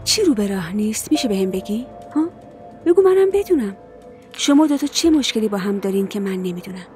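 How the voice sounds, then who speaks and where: A woman's voice: medium pitch, animated, darkish tone, faint music behind, close to an everyday voice. A middle-aged actress dubbing a stern, suspicious mother in a TV drama, commanding and probing. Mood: demanding. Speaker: dubbing actor. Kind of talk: dubbed TV drama dialogue.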